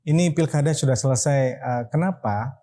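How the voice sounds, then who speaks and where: A man's voice: fairly high pitch, normal speed, dark tone. A man with an Indonesian accent hosting a discussion show in a chatty, explanatory, conversational way. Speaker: host of a legal discussion show. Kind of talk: casual, conversational show presenting.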